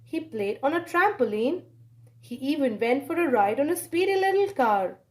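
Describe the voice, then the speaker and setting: Here a high-voiced woman narrates a storybook for kids, rising and falling sharply in pitch while she pauses for effect and exclaims with animation.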